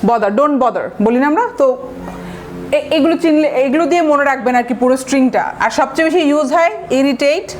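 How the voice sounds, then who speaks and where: High-voiced woman with a Bangladeshi accent, patient online vocabulary tutor who repeats words aloud. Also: expressive, fast talker, a little hiss or hum. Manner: explains patiently, repeats words to drill pronunciation. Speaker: vocabulary teacher. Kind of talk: recorded online lecture.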